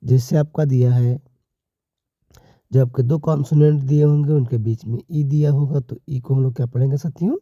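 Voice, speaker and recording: A man teaching a slow, deliberate lesson who keeps addressing his viewers as companions. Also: medium pitch, steady tone, dry recording. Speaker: English teacher. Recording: dull lo-fi recording.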